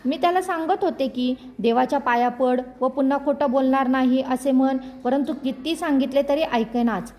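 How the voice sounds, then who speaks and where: A woman's voice: high voice, normal speed, few pauses, a little mellow, close to an everyday voice. A woman voicing a stern but loving village mother who scolds firmly and earnestly.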